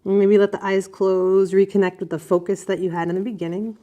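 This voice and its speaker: A woman teaching a yoga class, giving calm step-by-step cues for breath and movement. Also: mid-range voice, a little fast. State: slightly out of breath at times. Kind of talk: guided yoga class instruction.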